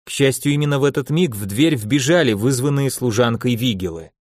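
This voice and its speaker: A man narrating an audiobook in an expressive reading style. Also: mid-range voice, a little fast, no echo, clean studio sound. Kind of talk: scripted narration.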